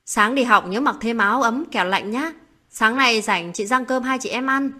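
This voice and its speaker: A woman voicing a sad, gentle young sister-in-law in a read-aloud story, speaking softly with a husky voice. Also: fairly high pitch, moderate pace.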